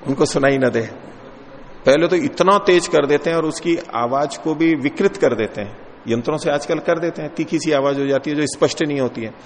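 Male teacher, patient scripture lecture with examples, long reverb and faint background noise. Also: a little high. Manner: explains each term slowly with many examples, rising to stress points. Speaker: yoga philosophy teacher.

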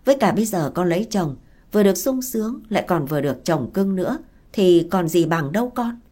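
A woman voicing a brisk, persuasive middle-aged woman arranging a paid marriage. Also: on the low side, lively intonation, warm tone, breathy edge.

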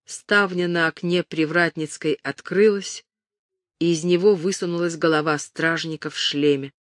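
A woman reading a historical novel aloud in steady, measured narration. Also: on the low side, dry recording, studio quality. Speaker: audiobook narrator. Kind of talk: scripted narration.

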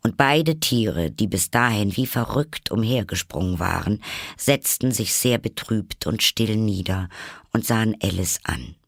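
Slow husky male audiobook narrator. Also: lowish voice, expressive, a bit bright, no echo, clean studio sound.

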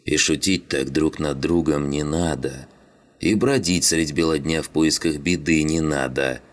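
A gruff middle-aged train driver who gives orders and threats, as a man reads him. The voice stays low and heavy, blunt and commanding. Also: measured pace. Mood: stern.

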